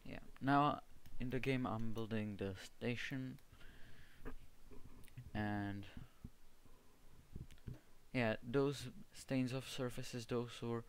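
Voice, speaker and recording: A young Czech man with a strong accent casually comments on his gameplay from a home gaming PC setup, often stopping to search for words. As a gaming video creator, he speaks extremely slowly in a mid-range, steady voice, hesitating, restarting words and pausing at length over a little hiss or hum.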